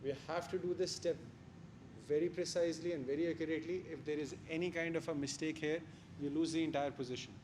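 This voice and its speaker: Male martial arts instructor, Indian accent, slightly high voice, emphatic short phrasing, live class with some background noise. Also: fairly even intonation, fast talker. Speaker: jiu-jitsu instructor.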